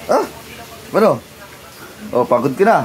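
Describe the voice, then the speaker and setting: Slow, coaxing man talking to his dog. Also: on the high side, very animated. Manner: talks slowly and coaxingly to his dog, short questions. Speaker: pet owner filming his dog. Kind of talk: casual talk to a pet.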